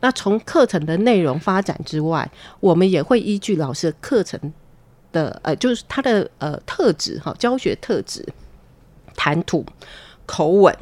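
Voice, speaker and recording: A woman's voice: lowish voice, expressive, moderate pace, darkish tone, no room sound. A woman guest explaining university teaching work in conversation, with frequent hesitation fillers.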